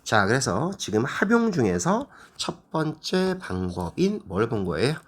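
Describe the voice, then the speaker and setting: A male Korean language teacher giving a lecture, explaining step by step and asking the class questions. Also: unhurried. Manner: lively, animated pitch.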